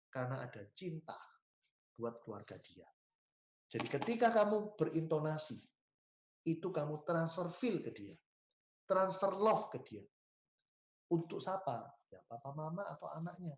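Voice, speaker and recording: A man's voice: on the high side, darkish tone. A man with a Javanese accent giving an emphatic sales training talk to insurance agents. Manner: emphatic, coaching, mixes in Javanese and English words. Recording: roomy echo.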